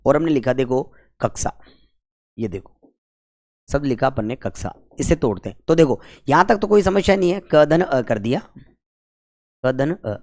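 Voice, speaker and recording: A man's voice: medium pitch, darkish tone. Male tutor, whiteboard lesson, repeats each question and answer. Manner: repetitive call-and-response questioning, colloquial 'apan'. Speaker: Hindi grammar teacher.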